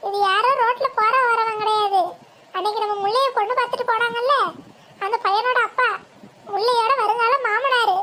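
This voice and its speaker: A harried young wife from a cartoon, as a woman voices her, flustered and pleading in a very high voice. A faint ambience sits behind her. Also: steady tone, fairly quick, pushed and bright, a little hiss or hum. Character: harried, anxious daughter-in-law woman. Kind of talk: cartoon voice acting.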